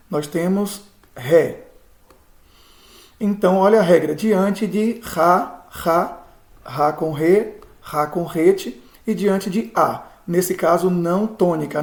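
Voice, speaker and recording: A man, a pastor teaching Biblical Hebrew in a recorded lesson, patient, repeating words slowly and checking in often with his students. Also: high-pitched, darkish tone. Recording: echoey room.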